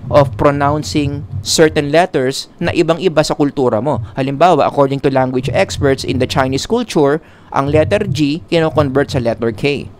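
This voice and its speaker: A man with a slightly higher voice delivers a classroom psychology lecture. He slips in jokes and English asides as he goes. Faint noise sits under the recording. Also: darkish tone. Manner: joking asides, mixing in English.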